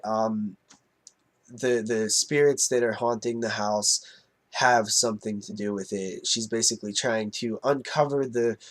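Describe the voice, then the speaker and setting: A man with a cold, sounding nasal and congested, casually reviewing a horror film with many fillers and restarts. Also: mid-range voice.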